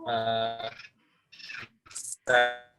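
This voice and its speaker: A man's voice: medium pitch, completely flat delivery, very slow, loud music behind the voice. A man calling in to an online class to ask a question, hesitating with many fillers while his connection keeps breaking up and cutting his voice in and out. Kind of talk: casual question to a teacher.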